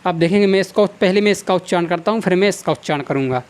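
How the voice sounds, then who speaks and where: A man's voice: sits high, clean tone. Man lecturing, quizzing students on sounds. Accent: North Indian Hindi. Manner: asks the class questions and answers them himself; repeats key sounds slowly for drill. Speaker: teacher. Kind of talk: classroom lecture.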